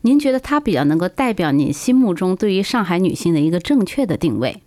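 A woman's voice: fairly low pitch, sing-song, fast talker, dark tone. A woman hosting a radio interview, guiding her guest with prompting questions. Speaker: radio host.

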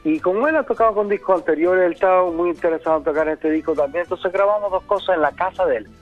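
A man's voice: high voice, fast, narrow, tinny audio, soft background music. A man from Chile with a Caribbean, Cuban-sounding Spanish accent, telling anecdotes casually as a musician guest in a radio interview.

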